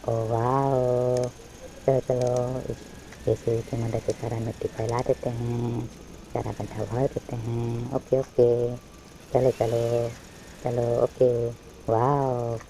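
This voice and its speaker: A man hosting a toy channel, narrating toy play for children in an excitable way, full of wows and oh-nos as he urges the toys on. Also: medium pitch, takes it slowly, a little hiss or hum, low-quality recording.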